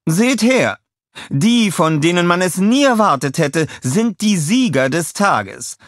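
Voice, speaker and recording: Man putting on a shrill theatrical villainess. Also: lively intonation, dry recording, studio quality. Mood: triumphant. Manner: theatrical, exclaiming, drawn-out. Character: flamboyant glamorous female villain boss.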